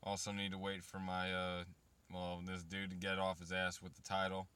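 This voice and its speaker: This vlogger, a man around thirty, chats profanely and aimlessly to his audience about waiting and parenting, addressing chat head-on. His low voice is monotone, clear, and resonant, pushed and bright at a moderate pace.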